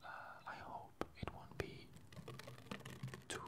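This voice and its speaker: In a soft whisper punctuated by pauses, a woman creator offers an easygoing ASMR update in choppy little phrases. The clinking of ice cubes can be heard behind her as she hosts.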